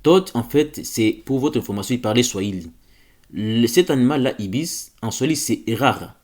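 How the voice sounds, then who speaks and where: A man's voice: medium pitch, expressive, moderate pace, a little mellow. A man giving an informal spoken lecture, hesitant, often repeating words and checking that listeners follow. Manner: insistent, stresses key words. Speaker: religious lecturer.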